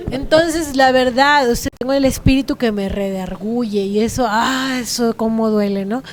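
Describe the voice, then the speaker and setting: A woman's voice: on the high side, measured pace. Earnest Mexican woman giving testimony. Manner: earnest, frank, laughs at herself. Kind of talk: conversational church testimony.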